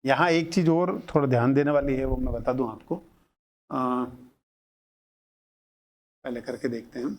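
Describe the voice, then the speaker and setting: A man teaching grammar in a lecture, breaking words into single sounds and repeating them deliberately. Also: mid-range voice, steady tone, a little mellow. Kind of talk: classroom lecture explaining at a board.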